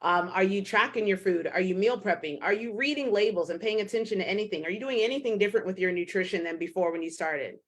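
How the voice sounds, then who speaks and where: A woman in her thirties talks through a solo episode of her coaching podcast. Her voice is middle-pitched, and she talks bluntly, swearing freely as she gives tough-love advice. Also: fast talker, few pauses. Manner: blunt, swears, acts out clients in a higher voice. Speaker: podcast host and fitness coach. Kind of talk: casual solo podcast monologue.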